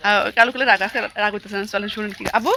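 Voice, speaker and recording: A young woman vlogging casually from her rural home, a little hoarse, chatting quickly and cooing at a small child. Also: medium pitch, fairly even intonation, a little hiss or hum. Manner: rapid chatty talk, coos loudly at a small child. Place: rural home, indoors and yard.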